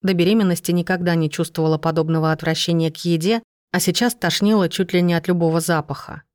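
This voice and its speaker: A woman narrates a novel in a steady, measured reading. Her voice sits slightly low. The recording is dry and close, with no room sound. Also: no echo. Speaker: audiobook narrator. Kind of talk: scripted narration.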